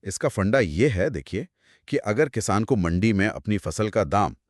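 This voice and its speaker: A man's voice: fairly low pitch, lively intonation, moderate pace, no room sound, clean studio sound. A man co-hosting a scripted explainer chat, explaining details patiently. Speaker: co-host.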